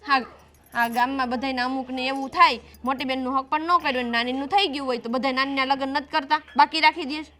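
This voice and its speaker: A woman's voice: high-pitched, fairly even intonation, fast talker, pushed and bright. A woman playing a defiant younger daughter who argues with her family. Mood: arguing. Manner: defiant, argumentative. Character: stubborn younger daughter insisting on marrying first. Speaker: younger sister. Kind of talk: family drama acting.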